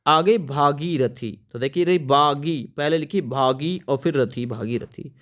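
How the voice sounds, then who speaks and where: A man's voice: fairly high pitch, measured pace, a bit bright, highs cut off. A man teaching an exam-prep spelling lesson, spelling words out letter by letter as he writes and telling viewers to remember the important ones. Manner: addresses viewers as friends, stresses importance.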